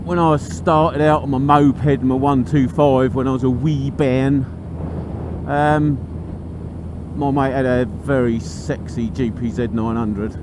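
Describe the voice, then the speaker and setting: A middle-aged motorcycle vlogger rambles casually and thoughtfully while riding, his mid-range voice keeping fairly even intonation at a measured pace. He sounds musing, chatty and colloquial. Loud engine, traffic and road noise fill the recording.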